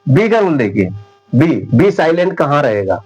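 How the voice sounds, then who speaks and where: A man teaching English spelling rules at a whiteboard, repeating each example word slowly and often checking whether his viewers understand. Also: on the high side, big pitch swings, a little mellow, breathy edge, rough recording. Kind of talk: whiteboard classroom lesson.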